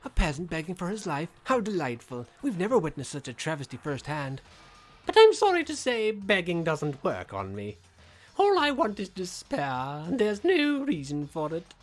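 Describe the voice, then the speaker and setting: Young female game villain, acted by a woman: coldly satisfied, taunting, theatrical, wide pitch swings. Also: animated, brisk, hardly any pauses, breathy edge, faint music behind. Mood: cold satisfaction. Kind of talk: acted video game dialogue.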